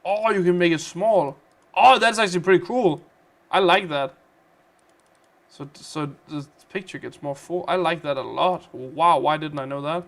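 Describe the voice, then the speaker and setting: A Danish-accented man hosts a casual gaming livestream. He chats playfully with viewers, answering their comments. His voice sits a little high for a man. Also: moderate pace, fairly bright tone. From Denmark. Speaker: livestream host.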